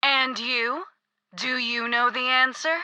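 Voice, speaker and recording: A woman's voice: sits high, level tone, takes it slowly, pushed and bright, clear, resonant tone, no echo, heavily acted. An actress playing a young cult queen in a video game, mocking, sing-song and sweetly menacing. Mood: condescending. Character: gleeful, cruel young woman cult queen. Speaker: cult leader God Queen.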